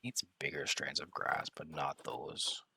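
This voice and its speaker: A young man talks to himself while he builds in a game, mumbling and wandering from thought to thought. His voice sits very low with a gravelly fry, yet it has a bright, sharp edge. Faint hiss and mouse clicks run underneath. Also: steady tone, unhurried. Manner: mumbling, rambling, thinking aloud while playing. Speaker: streamer. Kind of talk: relaxed gameplay chat.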